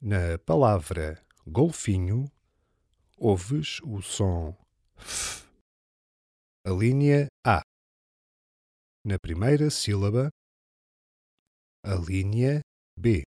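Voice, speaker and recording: Man, European Portuguese accent, scripted test narration, very slow, dry sound. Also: fairly low pitch, lively intonation, mellow, dry recording. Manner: slow, deliberate, instructional. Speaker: exam narrator.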